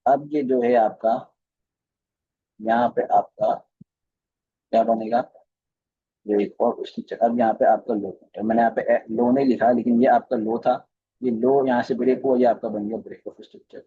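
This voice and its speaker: A man's voice: medium pitch, little pitch movement, a little slow, pauses often, phone-quality sound. A man teaching a recorded live class on chart reading, speaking with a flavour and often repeating phrases and putting questions to his students. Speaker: trading course teacher.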